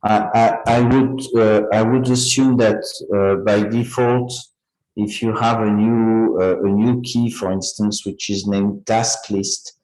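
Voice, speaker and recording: A man talks slowly and haltingly in a video meeting, stopping often to restart his sentences. His voice is somewhat low and strained, as he is losing it. The sound comes from an echoey room. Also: level tone, darkish tone. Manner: halting, many fillers and restarts. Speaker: meeting participant.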